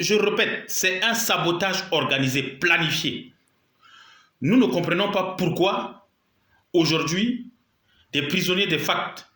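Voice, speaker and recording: Suffering from a cold and a sore throat, a political commentator speaks in a video statement with a fairly high pitch and a bright, sharp tone. Echo fills the room. Indignant, he keeps repeating himself to drive his points home.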